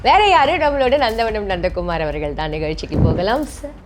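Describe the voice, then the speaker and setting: A woman's voice: medium pitch, sing-song, a little fast, background noise. A woman interviewing a guest. She comforts him in a mocking way and adds dry, teasing asides. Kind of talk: mock-sympathetic interview.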